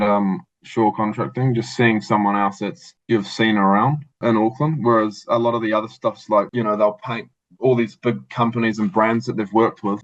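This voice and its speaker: Laid back kiwi tradie guy, broad accent, low even voice, kinda dull lofi audio. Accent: broad New Zealand. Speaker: tradesman business owner giving a testimonial. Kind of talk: casual interview chat.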